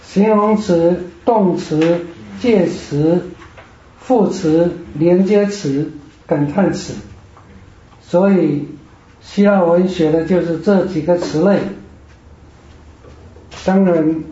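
Man, fairly high voice, mellow tone, patient classroom teacher, roomy dull recording. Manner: slow, patient, models pronunciation for repetition. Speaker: Greek teacher. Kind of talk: classroom language lesson.

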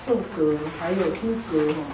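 A woman's voice: sits low, a little fast. A woman student in a class, asking tentative checking questions. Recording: distant in an echoey room, lo-fi with noise.

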